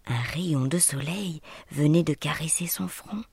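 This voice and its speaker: Woman storyteller, husky and breathy, slow, whispery delivery, dry close mic. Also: deep voice, no room sound. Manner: soft, often whispered, playful rhythmic delivery. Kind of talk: children's story reading.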